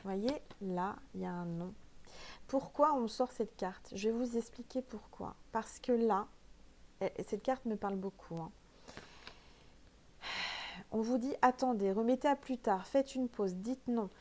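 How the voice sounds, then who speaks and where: A woman's voice: fairly high pitch, a little slow, long pauses. Chatty French woman reading oracle cards. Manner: chatty and emphatic, many fillers. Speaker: oracle card reader. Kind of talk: casual spiritual card reading.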